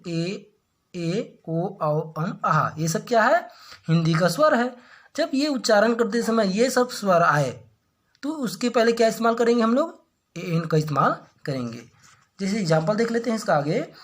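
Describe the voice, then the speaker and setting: A woman teacher who explains English grammar in Hindi, putting questions to her students, answering them herself, and reading the English example sentences slowly. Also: mid-range voice.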